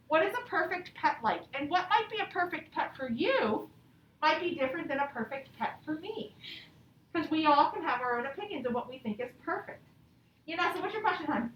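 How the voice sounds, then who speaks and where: Taking the role of an elementary teacher, a woman with a high voice leads young children through a lesson and a storybook, often pausing to ask them questions. The recording sounds roomy, with her a bit distant from the mic and faint noise behind. Her tone is fairly bright.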